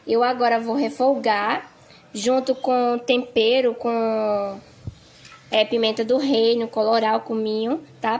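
In her kitchen, a home cook vlogger narrates a recipe in a chatty, casual way, often checking in with her audience and adding "tá?" and "gente" to her phrases. Her voice is fairly high but darkish in tone.

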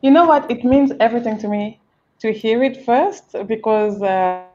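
A woman from Cameroon in her thirties, speaking as a guest in a casual video-call interview, animated and warm, with many fillers and restarts. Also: a little high, normal speed. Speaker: interview guest, feminist strategist. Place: indoor room with a plain wall. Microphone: headset on a video call. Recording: muffled video-call audio.

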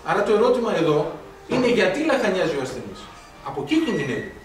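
A man giving a lively medical lecture, telling anecdotes, acting out dialogue and asking rhetorical questions. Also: high-pitched. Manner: animated storytelling, acts out dialogue, rhetorical questions. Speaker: doctor lecturing on blood gases. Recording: echoey hall from far off, faint noise.

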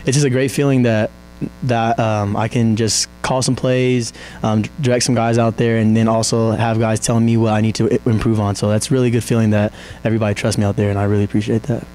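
A young man, a college basketball player, answering postgame questions in a soft, halting way with many ums. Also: lowish voice, flat delivery. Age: young adult. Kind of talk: postgame interview. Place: press backdrop indoors. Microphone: handheld mic held by interviewer.

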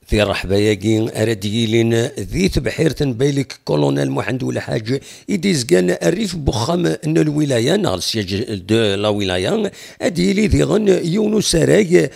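A man's voice: medium pitch, gravelly, a little mellow. A man narrating a regional news report as voice-over.

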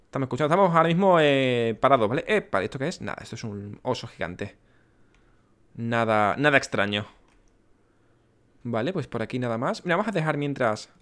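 A man's voice: mid-range voice, expressive, fairly quick, a bit bright. A man with a Spanish accent giving casual gameplay commentary, chatty and muttering to himself and to the game characters. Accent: Spain. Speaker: let's play host.

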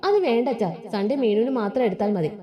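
A woman's voice: on the high side, expressive, brisk, muffled recording, natural voice. A woman reading as a scornful spoiled young woman. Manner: sneering, self-assured.

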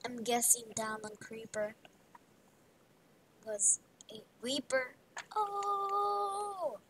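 A gaming video creator with a fairly high, fairly bright voice gives casual, unhurried commentary while she plays. Her talk is playful and rambling and often drops into whispers, over a noisy home recording.

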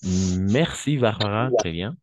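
Slow, low-voiced male French teacher. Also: a little mellow, no echo. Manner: patient, repeats words slowly, frequent praise. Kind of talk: online class instruction.

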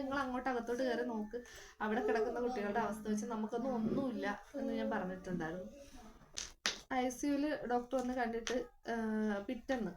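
A young woman, earnestly retelling a hard family hospital stay in a casual vlog, with many fillers. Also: on the high side. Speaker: vlogger. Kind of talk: casual personal storytelling.

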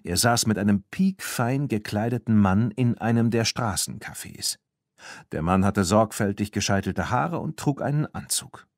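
A man narrating a children's audiobook in a lively, expressive storytelling manner. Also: on the low side, moderate pace, no room sound, studio quality. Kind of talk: scripted narration.

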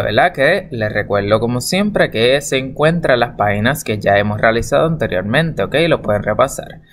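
A man's voice: mid-range voice, slight background noise. A male teacher giving a patient lesson to young children, repeating each word and often checking with the class. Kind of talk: slow classroom instruction for children.

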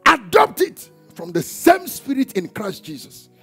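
Male pastor, high-pitched, deliberate pace, emphatic sermon with shouts, in a church with soft music and congregation. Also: huge pitch swings, gravelly, slightly rough. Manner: emphatic call-and-response preaching, shouting and chanting. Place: church hall.

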